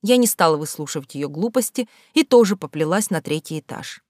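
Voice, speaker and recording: A woman reading a first-person novel aloud with expressive, measured storytelling. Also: low voice, dry recording, clean studio sound. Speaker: audiobook narrator. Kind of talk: first-person audiobook narration.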